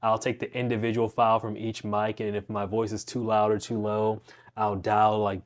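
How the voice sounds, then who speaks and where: Here the young channel host, who teaches guitar, walks through his home music setup in a loose, slangy, meandering way. His fairly low voice stays monotone at a moderate pace, recorded on a wireless lavalier running into a phone.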